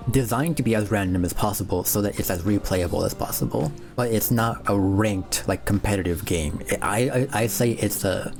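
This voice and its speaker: A man's voice: lowish voice, darkish tone. A man giving casual, off-the-cuff reaction commentary as a streamer, rambling conversationally with music in the background. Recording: music behind the voice.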